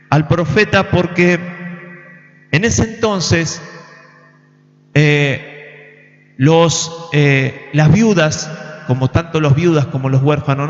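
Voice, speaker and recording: An earnest male preacher delivers a sermon, often turning to his listeners with questions. His voice sits high and carries a long reverb from a large room. The recording is dull and lo-fi. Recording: echoey hall, muffled lo-fi sound.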